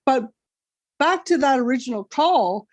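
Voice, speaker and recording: A middle-aged woman whose first language is Italian tells her story as an interview guest, her voice sitting fairly high. She talks in an earnest rush, often breaking off and restarting. The sound is dry and close. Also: expressive, darkish tone, dry recording. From Canada. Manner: earnest, rushed retelling with many restarts. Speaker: guest, author. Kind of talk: interview over a call.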